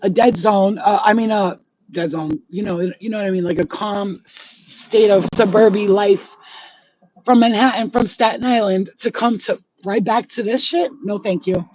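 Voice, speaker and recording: Her voice is mid-range, a little mellow, and at normal speed as this New York spiritual healer in her 40s rants to her viewers in a casual, blunt, profane way. Faint background noise runs beneath a slightly dull recording.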